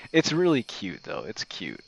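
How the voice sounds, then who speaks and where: A man with a fairly low, gravelly voice that swoops wildly in pitch talks slowly in a casual, rambling monologue, like a voice message to a friend, hesitant and meandering with easy swearing. He's an online audio creator and game streamer, recorded outdoors at night with crickets and insects in the background on poor-quality audio.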